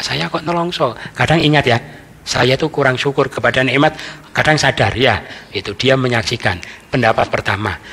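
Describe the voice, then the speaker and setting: A man's voice: medium pitch, fairly bright tone. A man leads a mosque study session. His tone is easy and conversational, and he keeps asking questions and then answering them himself. His voice carries through a large hall with long reverb and a faint hiss behind it. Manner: conversational, asks and answers his own questions, frequent "gitu ya". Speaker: Islamic teacher giving Quran commentary.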